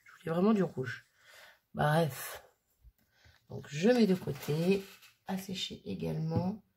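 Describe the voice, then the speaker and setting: Gravelly low-voiced woman vlogging. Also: slow, mellow, a little hiss or hum. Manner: chatty, filler-heavy, frequent "hop" while working. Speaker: crafting vlogger. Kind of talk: casual hands-on demonstration.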